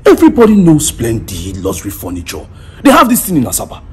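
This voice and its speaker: A man's voice: medium pitch, huge pitch swings, fast. A man playing a cheeky, boastful young shop worker with a Nigerian accent, mixing in Pidgin. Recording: scene with loud background music.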